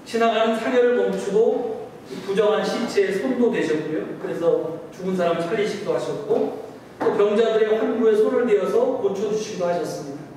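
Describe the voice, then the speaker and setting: A male pastor preaches a Sunday sermon in a conversational, storytelling way. His voice sits high for a man. The sound bounces around a large church hall, picked up from a distance with a faint rumble beneath. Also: moderate pace, a little mellow. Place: church sanctuary. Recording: echoey hall, distant mic.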